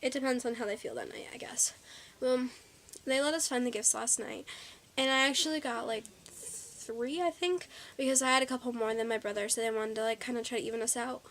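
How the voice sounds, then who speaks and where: A woman's voice: a little high, steady tone, brisk, a bit bright, slight background noise. A teenage girl chatting in a casual haul vlog, bubbly and a little out of breath, with lots of ums and likes. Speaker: vlogger.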